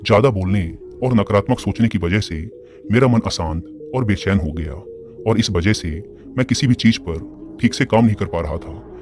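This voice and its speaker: A man's voice: fairly low pitch, darkish tone, close to an everyday voice. A man voicing a young prince who speaks in an earnest, reflective way. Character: remorseful young male prince. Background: music.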